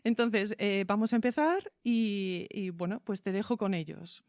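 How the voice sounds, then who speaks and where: A teacher who hosts a radio workshop, a woman with an accent from Spain, gives an informal introduction and interview, sounding a bit hesitant. Her mid-range, darkish voice moves at a measured pace, captured in clean studio sound without echo.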